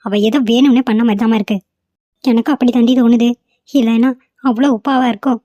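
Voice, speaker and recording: Woman voicing a gossiping cartoon lady, grumbling, somewhat high, dry close sound. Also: steady tone, fairly quick, warm tone, no echo, dull audio, close to an everyday voice. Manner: grumbling, catty. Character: gossiping woman griping about salty food.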